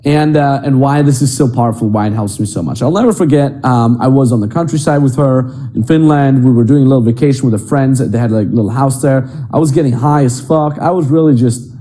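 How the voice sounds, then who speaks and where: A man's voice: mid-range voice, quick pace, few pauses, mellow. Blunt, profane male dating coach. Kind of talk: casual advice monologue.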